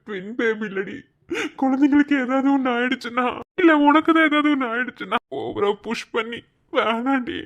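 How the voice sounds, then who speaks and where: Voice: mid-range voice, steady tone, normal speed, muffled recording, close to an everyday voice. A voice actor playing a frightened young husband who anxiously begs his wife to avoid pain. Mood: pleading. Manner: pleading, anxious, tearful. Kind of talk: cartoon voice acting.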